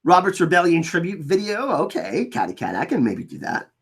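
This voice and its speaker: A husky, sing-song voice of medium pitch belongs to a French Canadian-accented livestream host. Chatting informally, the host reads viewer comments and often stops short or says words twice.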